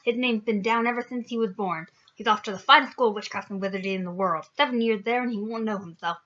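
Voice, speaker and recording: A woman voicing a big gruff, kindly male giant gamekeeper, loud and rustic in a dull lo-fi recording. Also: medium pitch, quick pace, natural voice. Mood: indignant. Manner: loud rustic dialect speech.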